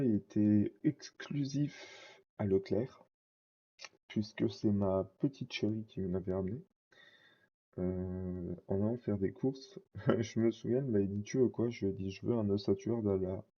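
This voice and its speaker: Male vlogger, casual rambling delivery, low dark voice, slightly dull recording. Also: breathy edge. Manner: rambling, many fillers and self-corrections. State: scratchy throat. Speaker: card collector vlogger. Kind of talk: casual collection showcase.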